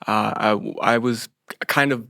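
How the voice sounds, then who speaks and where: An American man in his late thirties telling his own story casually as an interview guest, haltingly and repeating phrases. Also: medium pitch, steady tone, gravelly, pushed and bright, no echo, studio quality. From United States, grew up in Florida.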